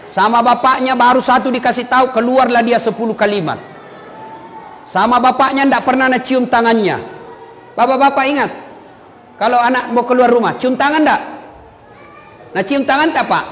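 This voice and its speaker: High-voiced joking preacher. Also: male voice. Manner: lively, jokey, acts out quoted dialogue. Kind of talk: humorous sermon. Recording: echoey hall with faint noise.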